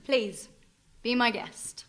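A woman's voice: a little high, takes it slowly, fairly bright tone, slight background noise. An actress playing a wry, teasing female action heroine in a comedy audio drama. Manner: teasing, sardonic.

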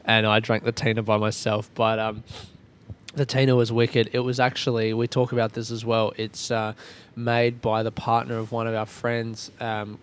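A man's voice: lowish voice, flat delivery, moderate pace. Australian man podcasting on a noisy boat. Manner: rambling, informal and conversational. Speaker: podcast host. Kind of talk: casual solo podcast intro. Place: recorded on a ferry at sea. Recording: clear ambient noise aboard a boat. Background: ferry ambience.

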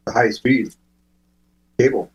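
A man's voice: mid-range voice, takes it slowly, slight background noise. A man from Michigan's Upper Peninsula chatting casually in a dry, easygoing way. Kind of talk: casual group chat.

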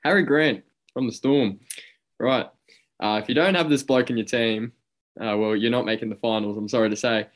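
An Australian man hosts a casual sports chat. He talks like a matey tradie among friends, blokey and full of slang, at a middling pitch. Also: moderate pace. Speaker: host of a fantasy rugby league show.

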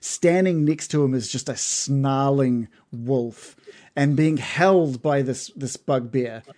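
A man running a tabletop game as game master, narrating casually in a halting, descriptive way. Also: mid-range voice, a little mellow.

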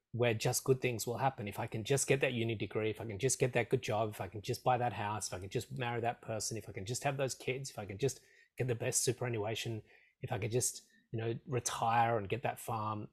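An Australian meditation teacher with a medium-pitched, slightly croaky voice gives earnest, measured answers in an interview, repeating phrases for emphasis.

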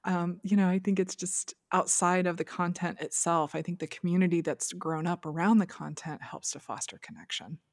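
A woman's voice: on the low side, fairly even intonation, moderate pace, hardly any pauses, a little mellow, no echo, studio quality. A woman speaking conversationally as a guest ASMR artist in an interview.

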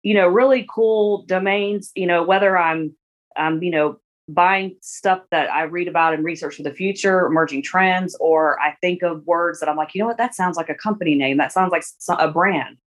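A woman's voice: fairly low pitch, normal speed. Rambling woman in her forties. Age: 40s. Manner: rambling, many restarts and fillers. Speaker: guest. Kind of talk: casual interview talk.

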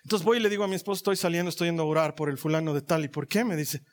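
High-voiced animated male preacher. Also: racing. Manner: animated storytelling, voices quoted dialogue in lower tones. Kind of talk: sermon with acted-out stories.

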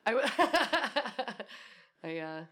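A woman's voice: on the high side, big pitch swings, extremely slow, fairly bright tone. A young woman from Wisconsin co-hosting a podcast in casual chat, laughing often and swearing freely. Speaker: podcast co-host.

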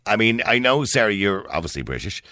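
A man's voice: fairly low pitch, sing-song, brisk, sharp tone, dry recording, clean studio sound. An Irish man hosting a radio phone-in in a chatty, conversational style. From Ireland. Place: radio studio. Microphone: close studio microphone.

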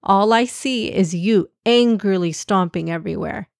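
A woman voicing a young female giraffe, a calm and sensible sister who gently scolds her brother, in a children's audio story. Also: mid-range voice, moderate pace, gravelly, no room sound, clean studio sound, natural voice. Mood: reproachful.

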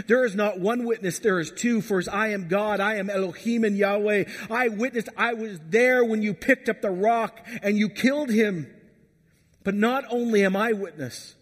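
A man voicing God as a stern, accusing judge, declaiming his verdict. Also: sits high. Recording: long hall reverb.

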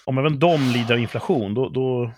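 A man hosting a casual podcast chat with dry, deadpan humor. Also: medium pitch, slight background noise. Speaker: podcast host.

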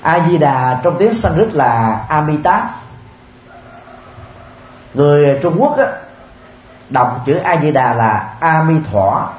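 A man giving a Buddhist dharma talk, speaking in a measured way with frequent pauses and filler sounds. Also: on the high side, sing-song, a little mellow. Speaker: Buddhist teacher. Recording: roomy with faint ambient noise.

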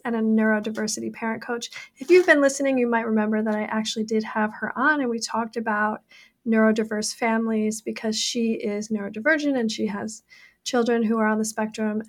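A middle-aged woman with a raspy, hoarse voice from a cold, hosting a podcast and chatting in a rambling way. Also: on the high side. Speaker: podcast host and psychiatry professional. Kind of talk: podcast intro and interview chat.

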